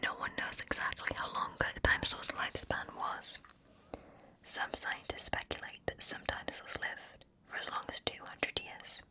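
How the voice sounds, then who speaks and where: An ASMR narrator whispering scripted facts right up close to the listener's ear throughout. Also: moderate pace. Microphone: close ear-to-ear stereo microphone.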